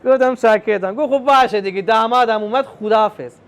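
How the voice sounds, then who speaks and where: A young man performing a stand-up comedy routine, telling family stories and acting out the dialogue in an animated way. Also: sits high. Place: comedy club stage with live audience.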